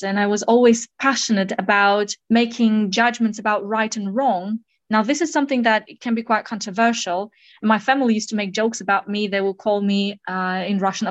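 A woman's voice: mid-range voice, no room sound. Young woman guest from Kazakhstan, earnest, dry slightly dull recording. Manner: thoughtful, earnest, with fillers. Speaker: guest, doctoral student. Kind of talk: casual interview talk.

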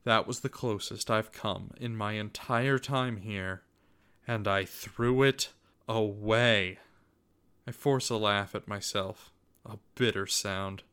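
A man narrating a scripted dramatic story as host, in a deliberate, expressive way. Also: fairly low pitch, smooth.

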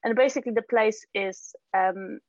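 With a Polish accent, this middle-aged guest, founder of a children's arts venue, chats casually in an interview, faltering into frequent restarts and "um"s. Her medium-pitched voice has a darkish tone and a moderate pace. There's no room sound, and the audio is dull.

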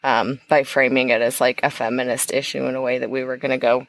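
A woman's voice: a bass voice, little pitch movement, quick pace, no echo. A woman co-hosting a podcast in casual chat, blunt and sarcastic, laughing often. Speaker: podcast co-host.

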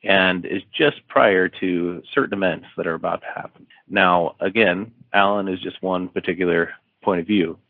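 A man with a very low voice talks casually as an interview guest, restarting sentences and filling pauses. The sound is dry and narrow, like a phone call. He tells a story at an easygoing pace. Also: steady tone, no room sound. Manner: rambling with many fillers and restarts, acting out dialogue. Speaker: author guest.

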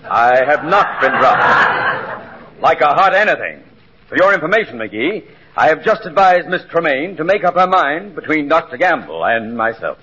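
An actor playing a pompous, easily flustered, lovelorn mayor with formal speech in a 1940s radio comedy. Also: male voice, on the high side, sing-song, normal speed, pushed and bright, husky, full character voice. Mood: wounded indignation. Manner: formal, dignified, indignant. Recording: muffled, hissy 1940s radio recording.

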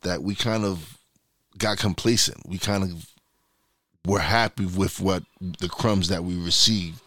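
A man's voice: deep voice, unhurried, fairly bright tone, no room sound, clean studio sound. A man in his mid-forties speaking candidly in a conversational interview, often restarting and searching for words. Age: 40s.

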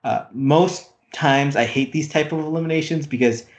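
A man's voice: a little high, normal speed. A man co-hosting a podcast, recapping a reality competition in casual chat, rambling with lots of fillers. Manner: rambling, many "like" fillers, animated retelling. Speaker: podcast co-host. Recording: roomy echo.

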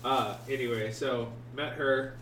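A man's voice: mid-range voice, steady tone, a little slow, fairly bright tone. A man with a stuffy, congested nose telling personal stories in a casual, joking, rambling group chat. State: congested from allergies. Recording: roomy echo, distant mic, faint noise.

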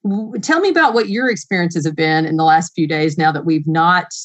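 A woman's voice: lowish voice, a little fast. A woman with a Southern American accent hosting a casual podcast chat as a fertility doctor, playful and self-deprecating.

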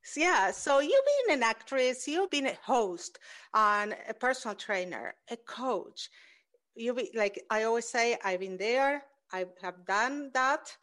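A woman's voice: on the high side, expressive, measured pace, a bit bright. A woman hosting an interview, English is not her first language, speaking in an earnest, reflective way. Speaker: host. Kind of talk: interview conversation.

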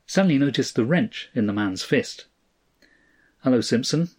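A man narrating a story in a measured, even storytelling delivery. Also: medium pitch, breathy edge. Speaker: audiobook narrator.

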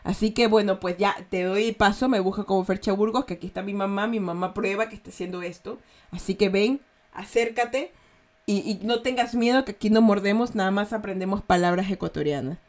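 A chatty woman with an Ecuadorian accent, her pitch sitting in an ordinary middle range. She hosts a relaxed slang lesson, explaining expressions with examples and asking her listeners whether they are following. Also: brisk. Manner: chatty, checks in with "¿ya?" often. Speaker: host teaching slang.

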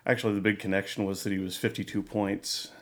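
A man co-hosting a casual podcast chat, talking in a measured, meandering way. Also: fairly low pitch, flat delivery. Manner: measured, many fillers and restarts. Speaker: podcast co-host.

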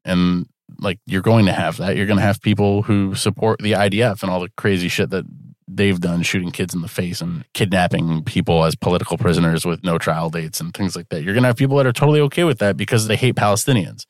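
A man's voice: low-pitched, fairly even intonation, fast, no room sound. A man co-hosting a podcast, talking casually in a rambling, joking, self-deprecating way. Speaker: podcast co-host.

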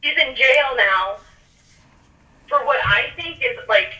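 Woman on car speakerphone, bright voice. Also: sits high, expressive, takes it slowly, recorded from a distance, highs cut off. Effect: calling in on car speakerphone. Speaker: podcast guest calling in. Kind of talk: casual chat.

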